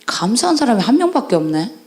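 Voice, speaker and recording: A woman evangelist preaching a sermon to children at a church camp service, animated and constantly questioning her listeners. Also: fairly high pitch. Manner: animated, questioning the audience, drawn-out stressed endings. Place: church sanctuary. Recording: echoey church hall.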